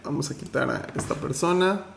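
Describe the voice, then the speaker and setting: A man's voice: a little high, a little fast, vocal fry, fairly bright tone, echoey room, a little hiss or hum. A man hosting an online finance workshop, teaching with motivation and firmly running roll call. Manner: firm, direct, gives instructions.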